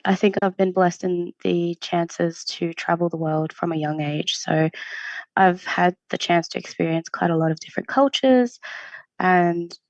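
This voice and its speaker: A woman's voice: on the low side, a little slow, no room sound. A woman from Syria working in university student support, answering interview questions in a friendly, earnest way with frequent ums. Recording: dull lo-fi stream audio.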